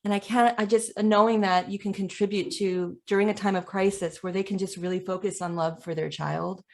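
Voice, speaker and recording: A woman co-hosting a podcast interview, speaking gently and hesitantly, searching for her words. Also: mid-range voice, fairly even intonation, a little fast. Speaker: podcast co-host. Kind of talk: conversational interview.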